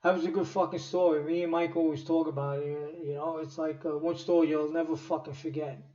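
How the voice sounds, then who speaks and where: A man's voice: fairly high pitch, flat delivery, brisk, warm tone. A man tells a story in a loose, rambling way, swearing often and stopping to restart his sentences. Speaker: storyteller vlogger. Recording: echoey, distant, dull home recording.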